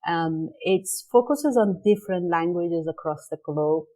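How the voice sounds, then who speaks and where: In a casual interview, a middle-aged woman from Iran, a native Persian speaker, tells her story thoughtfully with frequent ums and restarts. Her voice is lowish, expressive and mellow, and she speaks unhurriedly.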